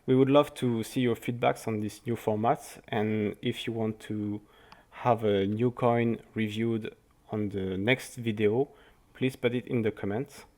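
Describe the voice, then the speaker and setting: A man with a French accent, a native French speaker, giving a market review over charts in careful, halting English with frequent restarts. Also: fairly low pitch, fairly even intonation, a little mellow. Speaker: crypto market analyst.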